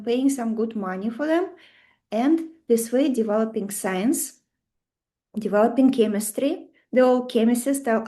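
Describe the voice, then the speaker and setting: Speaking to a live group, a Russian-accented astrology teacher delivers an informal, conversational lecture in a warm voice that sits high. She's emphatic and frequently poses rhetorical questions to the room.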